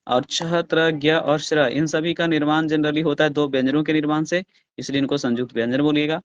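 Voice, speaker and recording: Hindi grammar teacher sounding out letters. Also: male voice, fairly high pitch, fairly even intonation, no room sound, lo-fi sound. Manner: explains step by step, asks the class questions and answers them himself; sounds out letters slowly and loudly. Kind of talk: online class lecture.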